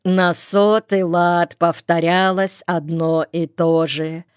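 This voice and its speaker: Slow, flat-voiced woman audiobook narrator. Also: lowish voice, smooth, dry recording, studio quality. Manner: calm, measured reading. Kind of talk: scripted narration. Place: recording studio.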